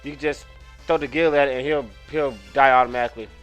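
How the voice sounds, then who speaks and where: A gamer hosting a let's-play video rambles through casual commentary, correcting himself and swearing now and then. His medium-pitched, slightly bright voice moves fast with fairly even intonation, and faint music sits in the background.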